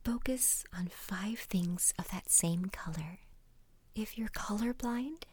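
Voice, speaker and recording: A woman guiding a relaxation exercise in a soft, soothing ASMR whisper, breathy and gentle, close to the microphone. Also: mid-range voice, a little hiss or hum. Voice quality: breathy, unvoiced. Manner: slow, unhurried instructing with pauses.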